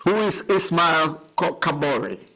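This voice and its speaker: A man's voice: on the high side, animated, takes it slowly, pushed and bright, rough recording. A man hosting a television talk show, interviewing a guest in a rambling, chatty way with frequent laughs. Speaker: TV show host.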